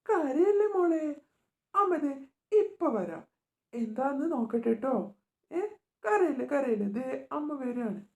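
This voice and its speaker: A woman voicing an anxious young mother doll in a homemade doll story, talking softly and soothingly as she fusses over a sick child. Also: sits high, big pitch swings, a little slow, long pauses, full character voice. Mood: worried, soothing. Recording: echoey room.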